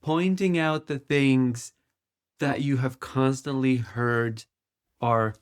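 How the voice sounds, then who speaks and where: Podcast co-host, man, mid-pitched voice, dry teasing asides. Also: steady tone, slow pace, smooth. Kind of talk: casual chat.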